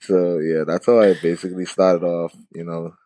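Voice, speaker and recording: A man from the Bahamas, a wedding photographer chatting casually as a podcast guest, relaxed and full of "you know". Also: low voice, normal speed, no room sound. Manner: laid-back, lots of "you know" and "like". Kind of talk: casual interview chat.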